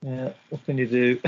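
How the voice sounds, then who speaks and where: A man's voice: mid-range voice, lo-fi sound. A man giving live game commentary, chatty and analytical as he breaks down each move.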